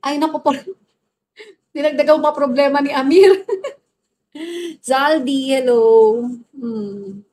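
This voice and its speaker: A woman's voice: sits high, takes it slowly, pauses often, dark tone, a little hiss or hum. A woman from the Philippines chatting on a phone livestream, answering viewer comments bluntly, scolding hecklers and laughing often. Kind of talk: casual livestream chat reading viewer comments. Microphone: phone livestream mic.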